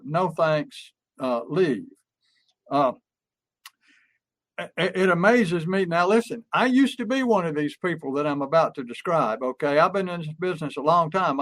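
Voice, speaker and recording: Older man, emphatic storytelling. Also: a little high. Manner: anecdotal storyteller with frequent restarts and fillers; emphatic, repeats key phrases. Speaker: podcast co-host and marketing coach. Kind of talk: casual podcast talk.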